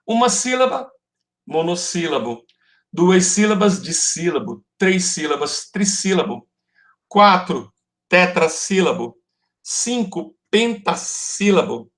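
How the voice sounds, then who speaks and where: A male Portuguese teacher with a Brazilian accent giving an online class, explaining patiently step by step and calling his students "love". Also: high voice. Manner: affectionate, calls students "love" and "folks".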